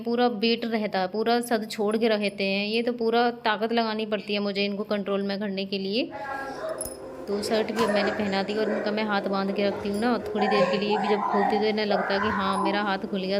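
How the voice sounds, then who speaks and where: A young woman vlogging at home, earnestly explaining step by step as she cares for her husband. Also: mid-range voice. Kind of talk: casual explanation to camera. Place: home room. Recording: echoey room, faint background noise.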